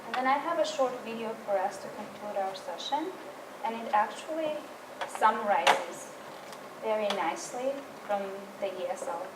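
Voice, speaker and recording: Leading a training session for writing tutors, this medium-pitched, expressive woman speaks at a normal speed and keeps restarting her sentences as she patiently explains. The distant mic sounds roomy and catches background noise.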